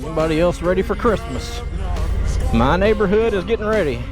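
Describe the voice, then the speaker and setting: A man's voice: sits high, expressive, fairly quick. A middle-aged man talking inside a helmet as he rides, rambling casually to his viewers as a motovlogger. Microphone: helmet mic. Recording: helmet mic with loud music underneath. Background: loud music, vehicle outdoors.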